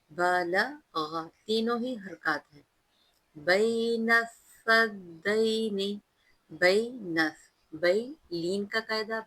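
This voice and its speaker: A woman teaching recitation, who alternates drawn-out chanted recitation with calm, patient spoken explanation. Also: mid-range voice, low-quality recording. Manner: patient, instructive tone. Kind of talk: slow, careful recitation lesson.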